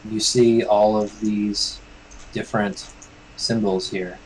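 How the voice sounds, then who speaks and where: A man acting as game master, narrating a tabletop game in a measured way with pauses between phrases. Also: fairly low pitch, flat delivery, a little hiss or hum, poor audio.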